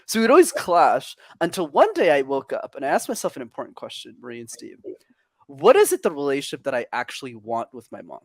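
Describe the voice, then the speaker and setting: A young man from Canada, a podcast guest, telling stories in energetic, extroverted casual chat. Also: medium pitch, brisk, no room sound, clean studio sound.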